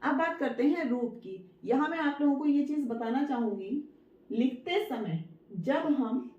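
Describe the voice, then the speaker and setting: A woman with a high, bright-pitched voice teaches a writing lesson in a patient, repetitive way. She stretches words out slowly, one syllable at a time. The sound is roomy and a little dull. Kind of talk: Hindi dictation lesson.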